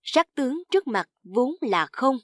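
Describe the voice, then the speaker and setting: Graceful young beauty with gentle, witty replies, voiced by a woman narrator, a little high and dry. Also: very animated, measured pace, no room sound. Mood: demure. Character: shy, graceful young beauty, quick-witted.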